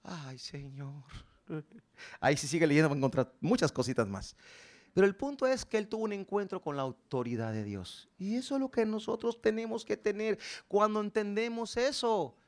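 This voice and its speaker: A male pastor delivers a sermon in a high, lively voice that climbs and drops freely. He tells the story with drama and keeps turning to the congregation with questions. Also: moderate pace. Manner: animated, dramatic storytelling preaching.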